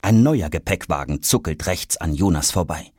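Man, children's audiobook narration, husky, very animated, dry close sound. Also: low voice, normal speed, dry recording. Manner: lively, expressive storytelling.

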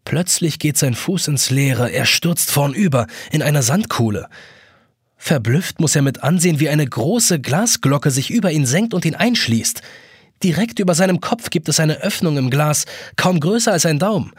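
A man reading a children's story aloud, animated narration that acts out the characters. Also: fairly high pitch, normal speed, slightly rough, no echo, studio quality. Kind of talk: expressive scripted story narration.

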